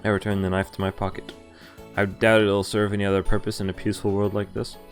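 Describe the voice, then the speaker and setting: A game streamer reads a visual novel aloud in a lowish, completely flat, fast voice, stumbling over lines and tossing in informal, sweary asides. Game music plays behind him, with the visual novel's soundtrack and voiced characters in the background.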